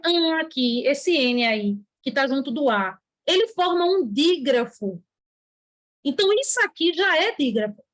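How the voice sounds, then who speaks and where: A woman teaching an online grammar lesson, explaining slowly and stretching key words as she writes on a board. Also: high voice, fairly bright tone. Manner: writes on a board while talking.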